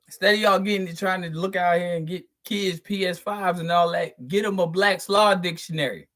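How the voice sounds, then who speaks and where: Male channel host, somewhat high voice, profane preachy monologue, emphatic, chuckles between points. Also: a bit bright. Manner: drawn-out, stressed words. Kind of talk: spiritual monologue to viewers.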